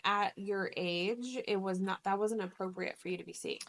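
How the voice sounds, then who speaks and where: A woman co-hosting a podcast in a soft-spoken, casual way, often murmuring agreement. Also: medium pitch, normal speed. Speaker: podcast co-host. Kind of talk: casual chat.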